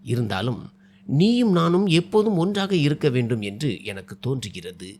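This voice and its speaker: A man voicing a widowed woman landowner who coaxes and teases gently, in a slightly lower tone than his narration. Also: very animated, moderate pace. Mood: tender. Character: widowed woman landowner, older, teasing and affectionate. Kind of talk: storytelling dialogue.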